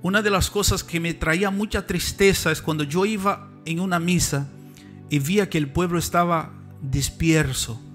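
A middle-aged man preaching a sermon as a missionary, fervent and emphatic, rising to loud insistent passages. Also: a little high, steady tone, normal speed. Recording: faint music behind. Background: faint music.

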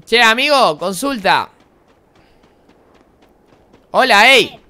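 A man's voice: animated, very slow, sharp tone. A man in his twenties with an Argentine accent, teasing and mocking other players in casual voice chat while gaming. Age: 20s. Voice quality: high-pitched voice. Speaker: gaming streamer.

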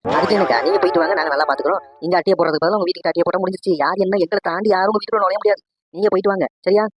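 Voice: medium pitch, steady tone, racing, slightly rough, no room sound, lo-fi sound, lightly acted. A performer voicing a cheeky, gossipy village neighbor woman in a cartoon. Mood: teasing. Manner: teasing, gossipy.

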